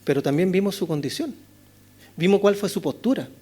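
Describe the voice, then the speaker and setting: Chilean male pastor, expository sermon, high voice, rhetorical questions, dynamics from loud to hushed. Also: lively intonation, fairly quick. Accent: Chilean Spanish. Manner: rhetorical questions, frequent "¿no es cierto?", swings between loud and hushed. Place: church chapel.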